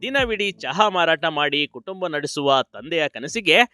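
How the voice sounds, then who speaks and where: A man's voice: fairly high pitch, lively intonation, moderate pace, sharp tone. A man reading a scripted news voice-over with emphatic, dramatic delivery and folksy asides to the viewer. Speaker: news narrator. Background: faint music.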